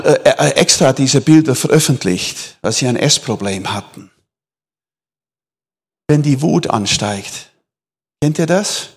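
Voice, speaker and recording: A man preaching a sermon to a congregation, animated, swinging between loud emphatic lines and soft near-whispers. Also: medium pitch, slightly rough.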